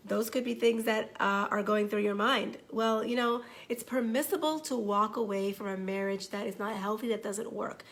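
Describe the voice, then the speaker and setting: A hoarse woman with a cold, a divorce coach talking live to viewers, greeting them by name and speaking with many fillers. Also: medium pitch, fairly even intonation, normal speed, hardly any pauses, a bit bright. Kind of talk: live-streamed coaching talk.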